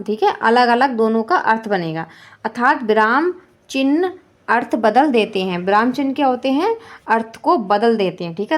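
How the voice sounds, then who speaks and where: A woman teacher giving an online exam-prep lesson, who repeats each point as a question and keeps checking in with "ठीक है". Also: a little high. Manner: frequent checking "ठीक है" fillers.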